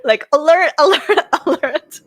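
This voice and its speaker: Answering viewers on a live stream, this late-thirties Japanese woman talks casually with a Japanese accent and laughs a lot. She speaks in a high, unhurried voice, and the studio recording is clean with no echo.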